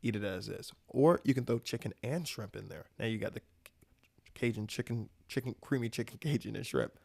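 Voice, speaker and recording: A man's voice: lowish voice, a little fast, creaky, a little mellow, breathy edge. A young man from the American South hosting a casual solo podcast, talking about food with enthusiastic, rambling energy and casual swearing. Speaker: podcast host.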